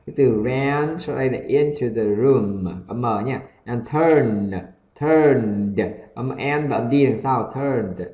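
A man with a Vietnamese accent teaching English pronunciation. He reads a story aloud line by line and breaks in with quick explanations of the sounds in Vietnamese. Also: mid-range voice, echoey room, phone-quality sound.

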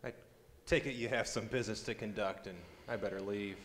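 A man playing a wry, wary private detective on stage, narrating in a deadpan hardboiled style. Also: lowish voice, fairly quick, lightly acted. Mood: uneasy politeness. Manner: deadpan, dry. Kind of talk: noir stage narration and dialogue. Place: hall stage before an audience. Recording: echoey hall stage recording, clearly noisy.

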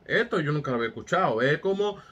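A man's voice: on the high side, animated, fast, a bit bright, breathy edge, highs cut off. Hyped man reacting to music. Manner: hyped, repeats street catchphrases, talks to viewers. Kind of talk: casual reaction commentary.

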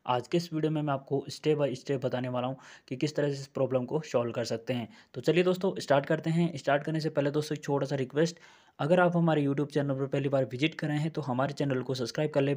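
A man's voice: mid-range voice, darkish tone. A man walking viewers through phone settings, step by step and repeating himself often. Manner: repetitive, addresses viewers as friends, step by step. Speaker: tech tutorial host. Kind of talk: screen-recorded phone tutorial.

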